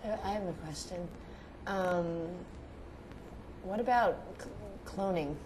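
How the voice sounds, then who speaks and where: A woman's voice: lowish voice, slow pace, background noise. A woman taking part as a questioner, asking things in a casual, conversational way. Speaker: audience questioner at a channeling session.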